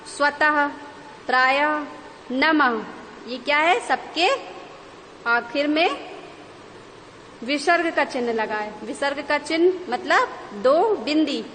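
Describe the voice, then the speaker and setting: A woman's voice: high-pitched, fairly bright tone. A woman Hindi teacher giving an online lesson to young children, spelling words out piece by piece. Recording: long reverb, faint background noise.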